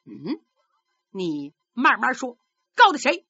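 A woman voicing a calm, authoritative male magistrate who speaks in a measured way. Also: a little high, breathy edge, no echo, muffled recording, exaggerated voice. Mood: commanding.

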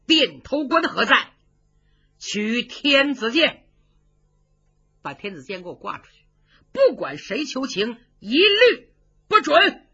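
A woman voicing a quick-tempered male emperor who barks stern orders. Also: high-pitched, animated, pushed and bright, husky, heavily acted. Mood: angry. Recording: dull lo-fi recording.

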